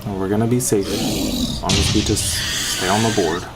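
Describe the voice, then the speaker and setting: A man's voice: lowish voice, steady tone, moderate pace, creaky. A man giving laid-back commentary while playing a video game, thinking aloud. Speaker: gamer. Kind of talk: casual gameplay commentary. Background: game music.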